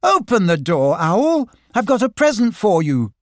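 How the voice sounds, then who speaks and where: Man doing an eager young boy voice, raised, lively pitch, dry sound. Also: unhurried, breathy edge, no room sound, exaggerated voice. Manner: eager, calling out.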